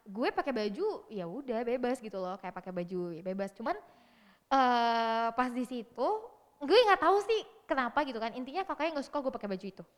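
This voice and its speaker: A young woman telling a story in lively, slangy casual chat, acting out what people said. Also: fairly high pitch, a little fast, in a large hall. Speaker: interview guest.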